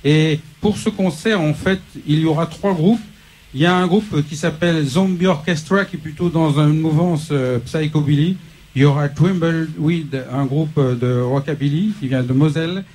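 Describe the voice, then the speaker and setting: A man hosts a studio interview with a guest musician on set, sounding like a live local show presenter. His voice is a little high and darkish at normal speed, and he hesitates constantly, filling gaps and restarting sentences; the recording is low quality.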